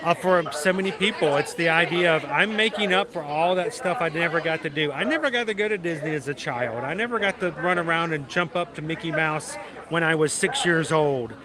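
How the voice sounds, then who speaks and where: A man's voice: fairly high pitch, fairly quick. A man hosting a livestream, chatting casually and reflectively to his viewers. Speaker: livestream host. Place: outdoors at a theme park. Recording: outdoor crowd and vehicle noise.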